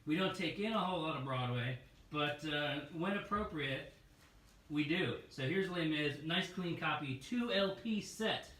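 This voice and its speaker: A man hosting a live record-store showcase, pitching albums in a loose, joking, sometimes profane patter. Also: lively intonation, normal speed, sharp tone. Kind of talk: casual live product showcase. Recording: roomy, distant mic with faint noise.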